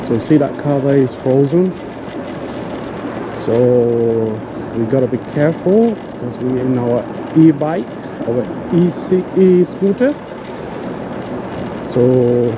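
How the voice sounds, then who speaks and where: A man's voice: medium pitch, background noise. A man chatting casually to his viewers as a vlogger while out riding a scooter outdoors. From Africa. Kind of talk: casual vlog chat to viewers.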